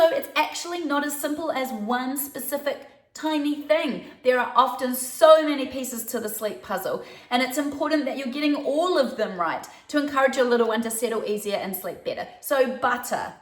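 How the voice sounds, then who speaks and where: A woman's voice: high voice, normal speed. A woman with a New Zealand accent, a baby sleep consultant giving casual, chatty advice straight to her viewers. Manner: chatty and conversational, with light laughs. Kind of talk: casual advice talk to camera. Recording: roomy echo.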